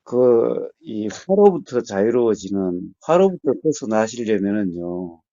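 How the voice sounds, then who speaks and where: A man who teaches meditation, counseling a caller calmly and steadily, often murmuring short assents. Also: fairly low pitch, measured pace, no echo, muffled recording. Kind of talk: phone counseling talk.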